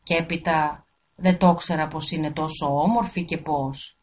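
A woman's voice: low voice, fairly even intonation, darkish tone, a little hiss or hum, natural voice. A woman voicing a flustered, weak king who talks in a defensive, pleading way, on a dull lo-fi recording.

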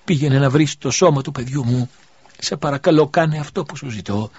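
A faint, pleading widow on the edge of death, as a male audiobook reader puts her on. Her voice rides higher than the reader's own and stays husky and tender. The recording sounds dull and lo-fi. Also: darkish tone, no room sound. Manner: faint, pleading, breathy delivery. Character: dying widow mother, weak and tender.

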